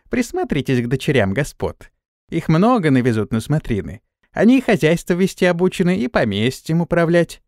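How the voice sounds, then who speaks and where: A man voicing a blunt, sharp-tongued female servant who scolds and lectures, in a raised voice. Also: mid-range voice, no echo, studio quality, lightly acted. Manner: scolding, preachy.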